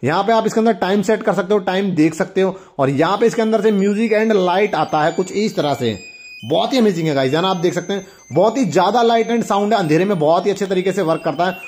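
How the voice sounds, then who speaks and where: A young man with a high, slightly mellow voice talks fast and casually to viewers while hosting a toy review. He demonstrates with enthusiasm, exclaims often, and keeps repeating his points.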